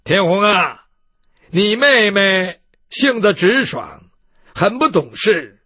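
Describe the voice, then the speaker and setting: A man voicing an older father who gently scolds his daughter as he takes his leave. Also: high voice, big pitch swings, slow, slightly rough, dry recording, heavily acted. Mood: fatherly. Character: stern but fond older father taking leave.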